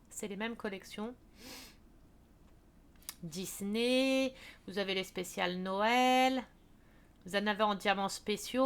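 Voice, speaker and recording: A woman's voice: medium pitch, a bit bright, smooth. A woman casually walking viewers through a craft shop's products, chatty with many fillers and restarts. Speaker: craft video creator.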